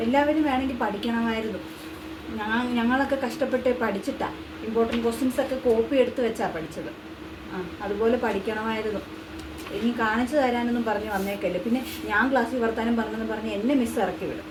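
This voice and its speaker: A woman's voice: on the high side, fast, reverberant, lightly acted. A woman playing a studious schoolgirl who insistently refuses to share her notes. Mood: huffy. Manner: insistent, complaining. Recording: distant mic with noisy room.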